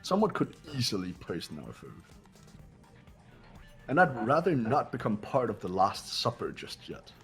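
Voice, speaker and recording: Pitch swooping wildly, a man with a mid-range, fairly bright voice speaks at a moderate pace as faint music plays. He voices a haughty, cold young heir in a fan-made game playthrough, addressing others formally and with condescension.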